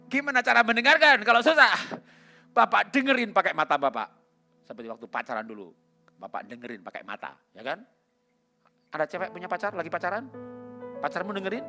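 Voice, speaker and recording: A male pastor giving a lively, humorous sermon in a church, swinging between loud exclamations and soft asides and acting out quotes. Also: high voice. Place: church hall.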